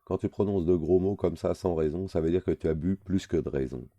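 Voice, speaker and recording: A man reading a novel aloud, voicing a sharp-tongued young woman who scolds her lover. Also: low voice, fairly quick, no room sound, lo-fi sound. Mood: reproachful. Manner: cutting, scolding.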